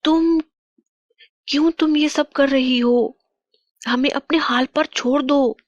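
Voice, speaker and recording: A woman's voice: sits high, fairly even intonation, slow pace, no room sound, lo-fi sound, voice pushed up. Woman voicing a tender young queen. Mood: pleading. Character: loving young queen, gentle and devoted.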